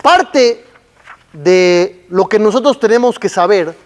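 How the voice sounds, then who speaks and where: High-voiced rabbi preaching slowly. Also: male voice, expressive, big-room sound. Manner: slow, emphatic teaching with rhetorical questions. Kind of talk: sermon.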